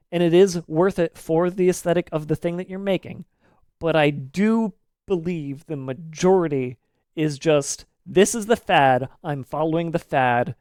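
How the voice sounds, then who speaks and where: A man's voice: a little high, darkish tone, clean tone, dry recording, clean studio sound. A man in his thirties streaming a game live, talking in an opinionated, ranty way with casual swearing.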